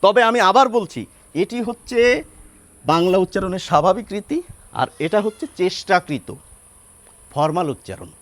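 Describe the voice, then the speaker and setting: Older Bengali man, patient pronunciation teacher, high animated delivery, dry close sound. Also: dry recording. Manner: slow, deliberate demonstration of words. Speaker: language teacher. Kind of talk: explanatory lesson on pronunciation.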